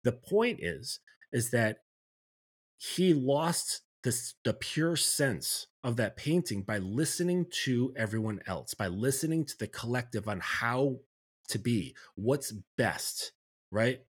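Slow and animated, this man has a mid-range voice with a breathy edge. A men's coach guesting on a podcast, he reflects aloud and frequently checks in with whoever's listening.

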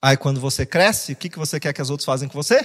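A Brazilian man preaching a sermon as pastor, animated, acting out quoted voices with jokes along the way. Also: fairly high pitch, very fast. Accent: Brazilian Portuguese. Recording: long hall reverb.

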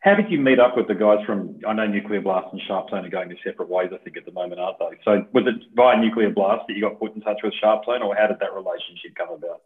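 A man with a lowish voice interviews a musician, firing off questions at a brisk pace. His voice comes through a thin, phone-like line. He talks in a loose, chatty way.

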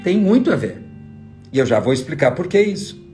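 A man's voice: on the high side, very animated, a little fast, darkish tone. A man giving an emphatic motivational talk as a trainer, full of rhetorical questions aimed at the listener. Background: faint guitar music.

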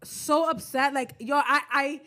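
A woman's voice: fairly high pitch, expressive, moderate pace, fairly bright tone. A young woman co-hosting a podcast, telling stories in casual chat, laughing often and swearing freely. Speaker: podcast co-host.

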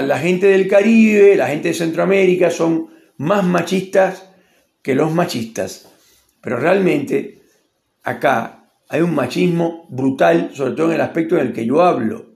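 A man's voice: a little high, vocal fry, darkish tone. A man with a Rioplatense accent giving a rambling, opinionated casual monologue and acting out quotes. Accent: Rioplatense Spanish. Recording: echoey room.

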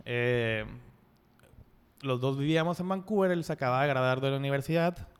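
A man's voice: medium pitch, fairly quick, clean tone. A man in his thirties with a Mexican accent, a podcast guest talking in a laid-back, slangy, joking way. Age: 30s. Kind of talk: casual conversational interview.

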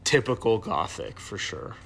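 A man's voice: on the low side, big pitch swings, normal speed, vocal fry, fairly bright tone, husky. A man who is a guest on a podcast, chatting casually about books and often restarting his sentences. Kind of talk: casual book chat.

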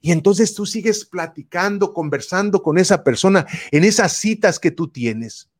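Animated high-voiced man coaching. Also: normal speed. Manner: animated, addresses listener directly, many repetitions. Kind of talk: faith-based motivational talk.

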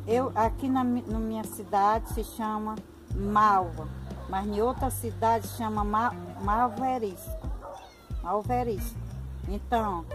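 A Brazilian woman explains as a folk healer, with music clearly playing behind her. She talks very slowly at a medium pitch. Her delivery is plain and halting, often repeating herself as she goes. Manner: halting, repetitive, plain-spoken. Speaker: folk healer showing medicinal plants. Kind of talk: unscripted explanation.

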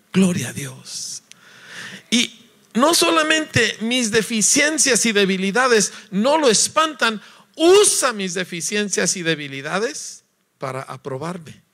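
A man from Mexico, preaching a lively sermon, acting out voices and asking his listeners to agree. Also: sits high. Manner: animated, acts out voices, sings notes, asks listeners "¿verdad?".

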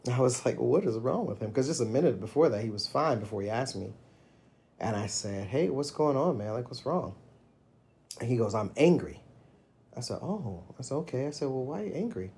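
A middle-aged man in casual conversation, reflecting on fatherhood and telling stories, getting animated when he quotes himself. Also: medium pitch, brisk. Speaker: podcast co-host.

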